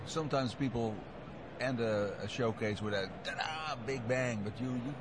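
Male interviewer over clear background noise. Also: mid-range voice, moderate pace. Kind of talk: interview at a jazz fair.

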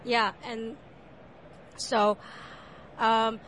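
A woman musician with a Korean accent, answering interview questions about her music, soft-spoken with many fillers. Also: fairly high pitch, level tone, very slow, a little hiss or hum. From South Korea. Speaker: jazz pianist and composer. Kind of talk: interview at a jazz fair.

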